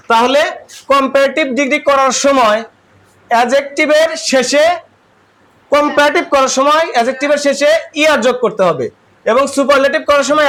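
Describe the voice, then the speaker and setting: A man's voice: very high-pitched, fairly bright tone, slight background noise. A man with a Bangladeshi accent teaching English grammar to a class, asking questions and repeating the answers.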